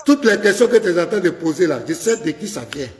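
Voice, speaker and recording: A man's voice: high-pitched, expressive, quick pace, a little mellow. A man, a pastor, arguing in a live call-in debate, insisting and repeating himself, reading Bible verses aloud. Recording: echoey room with long reverb.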